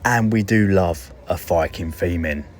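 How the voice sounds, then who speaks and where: A man's voice: low-pitched, a little slow. A man hosting a casual theme park vlog outdoors, chatting in a playful, jokey way. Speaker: vlog host. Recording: loud music behind, outdoors.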